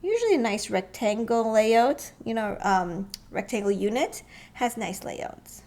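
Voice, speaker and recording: Woman, real estate vlogger, casual commentary, thinking aloud, fairly high voice. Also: lively intonation, measured pace, darkish tone. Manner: thinking aloud, hesitant, with fillers and chuckles.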